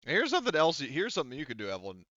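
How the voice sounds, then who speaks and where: In a dry, muffled recording, a man runs a tabletop game and talks the players through the rules, often pausing to correct himself in relaxed gaming chatter. His voice sits a little high, with a fairly bright tone and pitch that swoops wildly.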